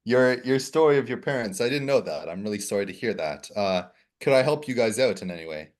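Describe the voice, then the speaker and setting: A man's voice: fairly low pitch, lively intonation, fairly quick. A man talking as a player in a tabletop horror game, mixing in-character talk with easy chatter.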